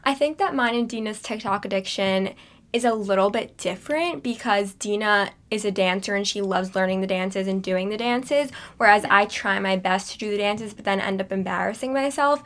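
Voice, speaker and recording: A woman co-hosting a podcast in casual chat, relaxed and full of "like", recorded inside a small hot closet. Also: medium pitch, moderate pace. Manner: chatty, relaxed, heavy use of "like". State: overheated. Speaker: podcast co-host.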